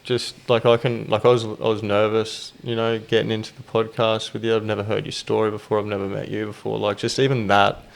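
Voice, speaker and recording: A man with a creaky voice, hosting a podcast as a laid-back, sweary, blokey casual chat. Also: lowish voice, completely flat delivery, fairly quick, few pauses. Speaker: podcast host.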